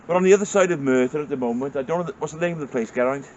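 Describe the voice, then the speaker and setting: A man's voice: a little high, racing, a little mellow, muffled recording. A man chatting casually outdoors as a camping companion on camera. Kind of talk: casual chat. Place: outdoors at a woodland campsite. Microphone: camera held by companion.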